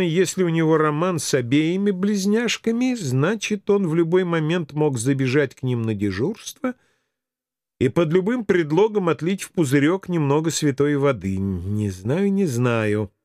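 Lively, wry male audiobook narrator. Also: fairly high pitch, no room sound, studio quality. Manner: wry, dryly ironic storytelling. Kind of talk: first-person audiobook narration.

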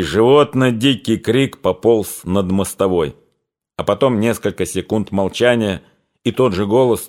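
A man narrating a literary story in a measured, expressive audiobook reading. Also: medium pitch.

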